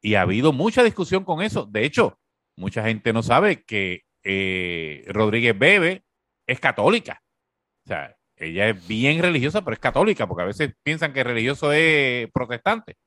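Animated Puerto Rican man talking politics. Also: mid-range voice, normal speed, no echo, studio quality. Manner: animated, sarcastic, many fillers. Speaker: talk show host. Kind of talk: casual political commentary.

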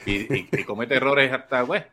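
A Puerto Rican man hosting a podcast, telling stories in animated casual political chat and laughing often. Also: medium pitch, normal speed, slight background noise. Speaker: podcast host.

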